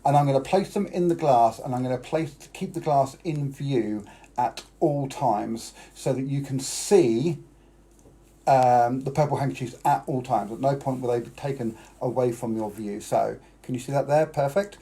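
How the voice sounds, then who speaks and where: British kids' party magician, mellow male voice. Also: medium pitch, moderate pace. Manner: kids party magician addressing boys and girls, coaxing them to join in. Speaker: magician performing for children. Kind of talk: live-streamed kids' magic show patter.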